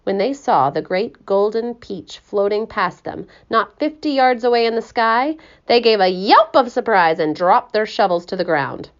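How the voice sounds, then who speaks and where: A woman narrating a children's story aloud in an expressive, animated way. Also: medium pitch, moderate pace, few pauses, muffled recording.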